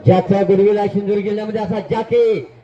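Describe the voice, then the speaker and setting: A man co-commenting on a race over a loudspeaker PA system, calling out timings and making requests to the crowd. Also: high-pitched, flat delivery, fast talker. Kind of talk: live sports commentary. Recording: echoey, muffled loudspeaker sound.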